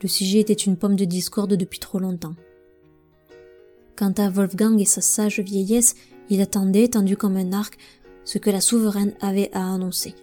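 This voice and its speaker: A woman narrating a novel as an audiobook in an expressive, measured way. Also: mid-range voice, soft background music. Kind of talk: scripted narration.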